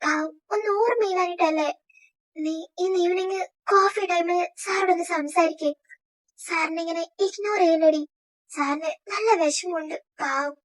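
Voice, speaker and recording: A woman's voice: very high voice, moderate pace, low-quality recording. A woman voicing a cheerful female friend who coaxes and teases the heroine. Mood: coaxing. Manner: coaxing, bossy.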